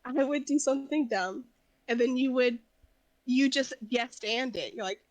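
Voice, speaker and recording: A high-pitched woman co-hosting a podcast, chatting and recounting old work stories. She laughs freely between phrases. The sound is close and dry. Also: normal speed, no room sound, rough recording. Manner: laughs often, chatty storytelling. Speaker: podcast co-host. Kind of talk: casual chat.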